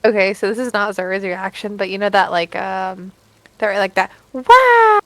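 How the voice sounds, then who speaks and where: A woman's voice: mid-range voice, level tone, moderate pace, fairly bright tone, dry recording. A woman player at a tabletop game, talking casually and rambling with lots of "like". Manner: rambling with many likes.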